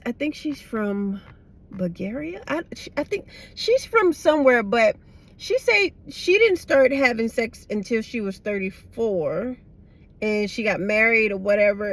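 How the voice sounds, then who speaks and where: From inside a parked car, a middle-aged woman vlogger gives her viewers a candid, casual chat, sounding tired and rambling in a blunt, slangy way. Her voice is a little high and gravelly, with a slight lisp from wearing retainers.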